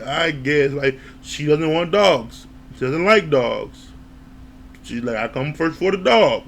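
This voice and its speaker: A reality TV reviewer gives a loose, animated spoken recap of a show in a slightly higher voice. He's offhand, swearing and laughing as he acts out what the cast said, with a little hiss or hum in the audio.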